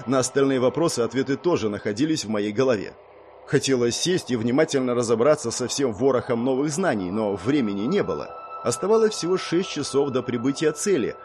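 Male audiobook narrator, animated delivery. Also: medium pitch, slight background noise. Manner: steady and matter-of-fact, with wry asides. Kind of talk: first-person audiobook narration.

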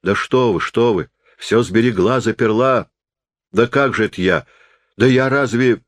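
A man's voice: mid-range voice, unhurried, no echo, clean studio sound, pitched above the performer's own voice, natural voice. A man reading a story voices an anxious, pleading poor peasant woman.

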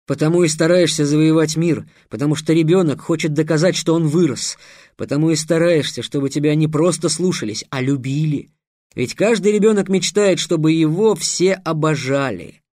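A man's voice: a little high, moderate pace, darkish tone, no room sound, clean studio sound, natural voice. A man voicing a young, sarcastic mage who lectures his enemy in a scornful tone. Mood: lecturing. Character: young sarcastic male mage, bold and mocking.

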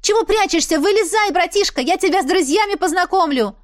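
Picture a bubbly, teasing young woman from a spoken story, her voice pitched up and bright with energy, as a female reader puts her on. She chirps along in high spirits. The sound is close and dry. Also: expressive, moderate pace, dry recording. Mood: hollering.

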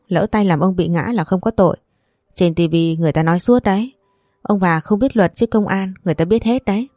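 A woman's voice: fairly low pitch, warm tone, no echo, clean studio sound, lightly acted. A woman voicing a bold aunt who argues firmly and reasons with elders. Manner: arguing firmly.

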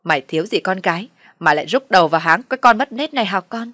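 Brief: woman playing a shrill, spiteful mother-in-law, audio story, dry close sound. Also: expressive, fast, no room sound. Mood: furious scolding. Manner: shrill, abusive shouting. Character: furious scolding middle-aged mother-in-law.

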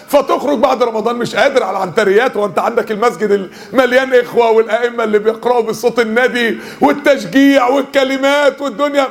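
A man with an Egyptian Arabic accent giving a lively mosque lesson, joking and asking the audience questions. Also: very high-pitched. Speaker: preacher.

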